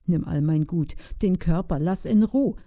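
Woman reading a dismayed knight, loud. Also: fairly low pitch, measured pace. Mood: lamenting. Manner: loud, lamenting, rhyming verse. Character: dismayed young knight, reluctant groom.

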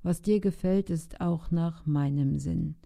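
A woman's voice: on the low side, unhurried, gravelly, dark tone. A woman voicing a dismayed young knight who laments and then gives in, speaking in rhyming verse. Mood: resigned.

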